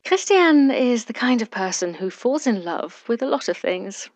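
A woman reporter giving measured, scripted documentary narration. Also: on the high side, sing-song, darkish tone, dry recording. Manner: measured, deliberate storytelling.

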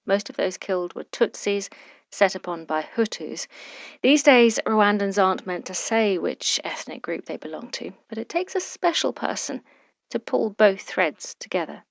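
A woman reporter giving measured, scripted documentary narration. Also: medium pitch, expressive, vocal fry, no echo. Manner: measured, deliberate storytelling.

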